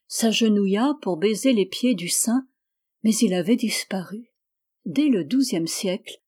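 A woman reading a book aloud as an audiobook narrator, in a measured, even delivery that slows on key phrases. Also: medium pitch. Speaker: audiobook reader. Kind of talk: scripted narration.

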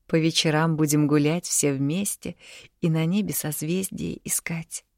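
A woman voicing an indignant, quick-tempered young woman in an audiobook, her lines raised a little above her narrating voice. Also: low voice, fairly even intonation, no room sound, clean studio sound. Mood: tender. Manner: indignant outbursts, sharp retorts.

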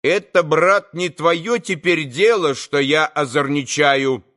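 A man's voice: a little high, slow, bright, forceful tone. A man reading an audiobook, voicing a cocky, mischievous schoolboy who speaks curtly and with self-importance. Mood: stern. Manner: curt, superior.

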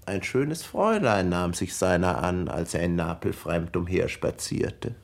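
A sly devil with a mocking, honeyed tongue. He speaks slowly and swings his pitch wide, leaning theatrically on each line in a 1950s radio play. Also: lively intonation, gravelly, full character voice. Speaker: actor playing Mephistopheles. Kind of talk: 1950s German radio drama acting.

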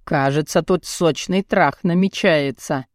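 Mocking and insinuating, a brazen, lecherous, bearded brute speaks low in audiobook dialogue, performed by a woman narrator with blunt, commanding gruffness. She keeps a measured pace, and the recording is dry and close.

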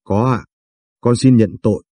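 A man's voice: mid-range voice, normal speed, warm tone, no room sound, close to an everyday voice. A man voicing a frightened, guilt-ridden man in his forties who begs for mercy. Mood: pleading. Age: 40s. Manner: pleading.

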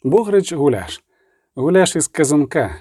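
A man narrating an audiobook in a measured, even storytelling manner. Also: a little high, husky, no room sound, studio quality.

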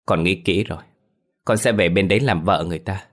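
A man's voice: deep voice, brisk, a bit bright. A man voicing a cold, resolute young woman. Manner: cold and firm.

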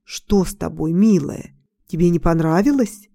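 Tender husband, soft mellow voice, storybook, read by a woman. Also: on the low side, unhurried, creaky. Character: caring young husband, gentle man.

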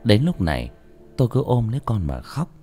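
A man reading a horror story aloud as an audiobook narrator, slow and grave. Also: lowish voice, big pitch swings, mellow. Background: faint music.

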